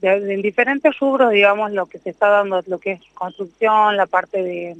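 Woman inspector, smooth high voice, stumbles a bit, muffled dry audio. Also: steady tone, moderate pace, dry recording. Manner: hesitant, trailing restarts. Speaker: safety inspector. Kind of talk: interview answers. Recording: dull muffled sound.

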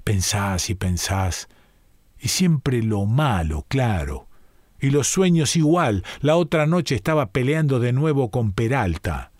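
Man with a Rioplatense accent, mid-pitched, for a musing first-person monologue, dry close sound. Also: big pitch swings, slow, a little mellow, no room sound. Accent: Rioplatense Spanish. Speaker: reader performing a monologue. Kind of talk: dramatic first-person story reading.

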